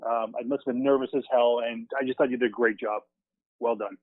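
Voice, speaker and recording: A man's voice: mid-range voice, steady tone, fast talker, dry recording. Hesitant man calling on a narrow phone line. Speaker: radio show caller. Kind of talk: casual phone-in chat. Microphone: telephone. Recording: dull narrow telephone line.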